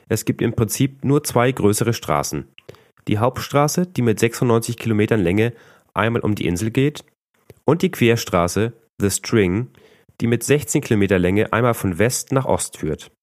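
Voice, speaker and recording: Calm northern German man narrating. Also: fairly low pitch, dry recording, clean studio sound. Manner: calm, informative reading with slight mumbling. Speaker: podcast host. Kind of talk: scripted narration.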